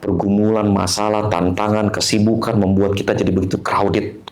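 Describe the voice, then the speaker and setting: A man, a pastor preaching a dramatic sermon, shifting between quiet guidance and shouted storytelling. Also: lowish voice, flat delivery, moderate pace.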